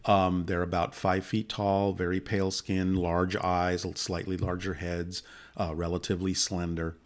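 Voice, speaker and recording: Guest, male, sixties, low register, calm measured storyteller, close studio mic. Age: 60s. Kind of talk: long personal account in conversation. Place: indoor studio set. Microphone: boom-mounted studio mic close by.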